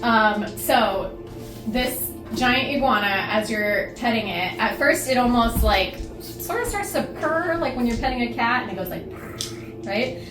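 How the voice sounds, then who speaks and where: A woman's voice: a little high, lively intonation, a little slow. A woman running a tabletop game, narrating informally and explaining the rules and action in everyday language. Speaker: game master. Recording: echoey room, distant mic. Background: clear music.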